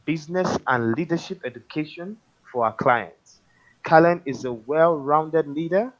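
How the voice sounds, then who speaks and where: A man hosting a live online forum over a video call, introducing speakers in an earnest, formal way. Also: fairly high pitch. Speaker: forum host. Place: home, online live stream. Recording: dull lo-fi stream audio.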